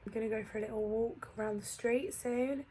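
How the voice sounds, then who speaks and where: A woman's voice: fairly high pitch, fairly even intonation, a little fast, mellow, slight background noise. A woman vlogger giving a casual video diary, talking carefully and subdued with a thick voice from a sore, swollen throat after tonsil surgery.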